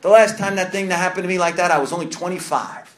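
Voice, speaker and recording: Talking fast in a high, slightly bright voice, a thirty-something New Yorker shares earnest testimony as a recovery meeting speaker, restarting and repeating phrases, with the meeting room adding reverb.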